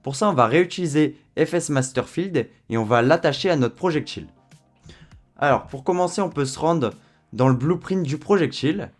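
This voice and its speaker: A man walking viewers through a software tutorial in a relaxed, chatty way, with frequent fillers. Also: fairly high pitch, normal speed, soft background music. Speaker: tutorial host. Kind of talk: screen-recorded software tutorial.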